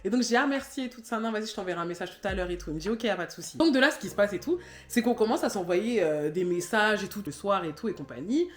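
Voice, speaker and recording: A woman in her twenties telling a personal story in a chatty vlog, talking loosely with lots of fillers and animated bursts. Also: medium pitch, quick pace, echoey room. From Cameroon. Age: 20s. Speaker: vlogger. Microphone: phone camera.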